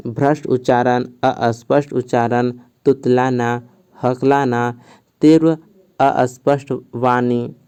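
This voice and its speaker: A man's voice: mid-range voice, warm tone, clean tone. A man giving an exam-prep lesson, reading from a textbook and then explaining it again in simpler words, often checking with "theek hai". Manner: mixes English terms into Hindi explanation. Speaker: teacher.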